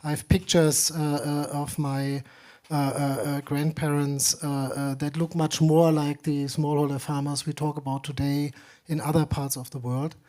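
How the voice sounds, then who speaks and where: A man's voice: a little high, flat delivery, moderate pace, warm tone. A middle-aged man from Germany, speaking on a conference panel with many fillers and dry humor. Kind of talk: panel discussion.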